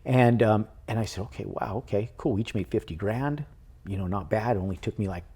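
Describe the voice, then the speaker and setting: A man in an interview who tells his story casually, animated and with casual swearing. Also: lowish voice, fairly quick, slightly rough. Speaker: podcast guest, real estate investor.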